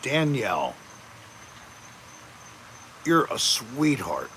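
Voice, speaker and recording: A man hosting a casual live chat, greeting viewers by name in a relaxed, chatty way. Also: medium pitch, very slow, a little hiss or hum, low-quality recording. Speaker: livestream host.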